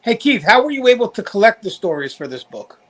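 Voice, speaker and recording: His voice sits high and sing-song, a little fast, as the talk show host presents an upbeat interview program. He reads a sponsor message, speaks to his audience, and asks his guests questions.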